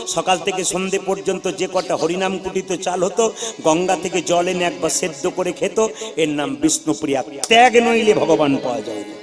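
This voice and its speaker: A man giving an animated devotional sermon at an outdoor gathering. He speaks straight to his listeners, demands replies and breaks into sung chants. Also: high voice. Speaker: devotional preacher. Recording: clear music playing under the voice.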